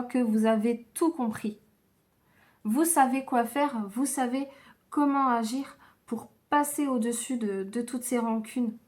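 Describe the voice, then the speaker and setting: A woman giving a slow, gentle tarot reading to viewers, tired and low on energy, with frequent hesitations. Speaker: tarot card reader.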